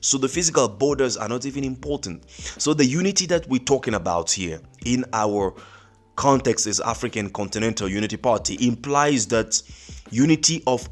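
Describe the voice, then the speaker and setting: A man in his thirties speaking to camera as a party spokesman, earnest and emphatic, often pausing with fillers and restarts. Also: lowish voice. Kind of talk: political commentary to camera. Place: small dim studio room with colored lights. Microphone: studio mic on arm in front.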